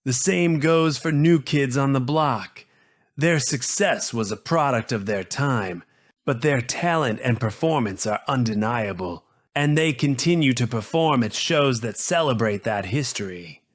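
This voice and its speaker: The host of a scripted video essay narrates in a medium-pitched, animated voice. His tone is earnest and dramatic, built from short, measured rhetorical phrases.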